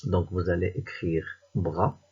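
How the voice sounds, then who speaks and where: A man with a Moroccan French accent, reading a worksheet aloud to young pupils as their teacher, slowly and deliberately, word by word. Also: deep voice, fairly even intonation, gravelly, a little mellow, husky, dull audio. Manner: slow and deliberate, reading words and syllables one by one. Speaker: primary school teacher.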